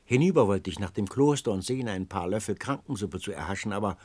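A man's voice: on the low side, lively intonation, fast, a little mellow, husky, no room sound, voice pushed down. A man voicing a poor, hot-tempered young laborer in an audiobook. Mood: weary. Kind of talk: audiobook character voice.

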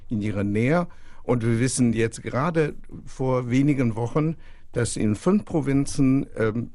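Gravelly man arguing firmly. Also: mid-range voice, a little mellow, dry recording. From China. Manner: emphatic, argumentative. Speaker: panel guest. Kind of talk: radio panel discussion.

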